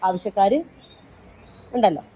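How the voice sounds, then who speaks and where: In muffled audio recorded at a plant nursery, a woman casually shows off her plants and presses viewers to buy. She sells the plants herself and speaks at a measured pace in a medium-pitched voice with a breathy edge.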